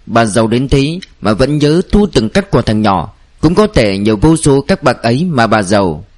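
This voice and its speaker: A man narrating a novel in a steady storytelling voice. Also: medium pitch, normal speed. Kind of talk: audiobook narration.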